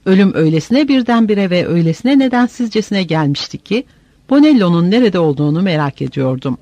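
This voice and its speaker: A man narrating an audiobook in a steady, measured way. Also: sits high, dry recording. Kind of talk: scripted narration.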